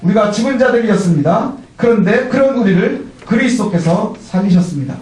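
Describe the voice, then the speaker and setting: A man's voice: sits high, expressive, brisk, darkish tone, very echoey, distant mic. A man preaching a Sunday sermon as pastor. He talks in a conversational way, asks questions and answers them himself, and often drops a short "yes" between phrases. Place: church sanctuary.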